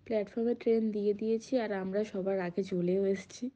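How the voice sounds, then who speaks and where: A woman's voice: mid-range voice, steady tone, quick pace, dull audio, loud music behind the voice. A woman narrating a casual travel vlog, chatting directly to her viewers. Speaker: travel vlogger. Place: train journey.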